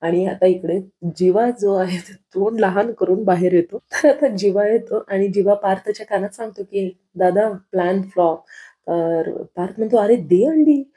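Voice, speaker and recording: A woman retells a TV serial episode in a chatty, casual way, repeating her linking phrases. Her voice is very dark and mellow, at an ordinary pitch. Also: steady tone, moderate pace. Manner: chatty, repetitive narration. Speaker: serial recap narrator. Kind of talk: casual storytelling recap.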